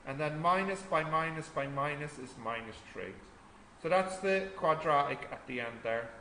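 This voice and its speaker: A man's voice: a little high, normal speed, bright, forceful tone. A man tutoring a maths class, explaining step by step and quizzing students as he goes. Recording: echoey classroom with faint noise.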